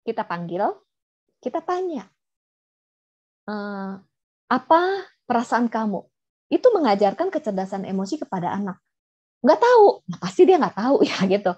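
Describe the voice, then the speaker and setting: Woman pastor and counselor, conversational sermon, mellow tone, slightly muffled video call sound. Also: mid-range voice, very animated, brisk, slightly rough. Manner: chatty, explains with acted everyday examples. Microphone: video call microphone.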